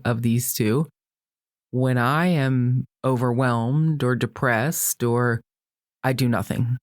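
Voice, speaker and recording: Deep-voiced woman telling a candid story. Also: dry recording, clean studio sound. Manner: candid, rambling storyteller with many restarts. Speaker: podcast co-host. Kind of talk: casual chat.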